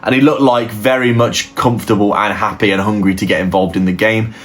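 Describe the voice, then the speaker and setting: A man's voice: fairly low pitch, fairly even intonation, fairly quick. A man giving a casual, opinionated match analysis as host of his football channel, often restarting his sentences. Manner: conversational, opinionated, with frequent restarts.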